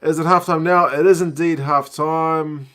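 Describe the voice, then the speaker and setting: A young man with a slightly high voice at normal speed chats in a relaxed, slangy, talkative way on a rugby watch-along stream, reading viewer messages aloud. His New Zealand accent has become muddled from years living abroad.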